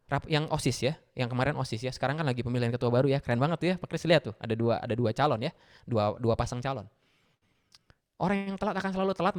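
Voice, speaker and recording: Guest speaker, male, 30s, energetic and animated, higher voice, quizzes the students as he goes. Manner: animated, mixes English phrases, asks the audience questions. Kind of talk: lively motivational talk to students.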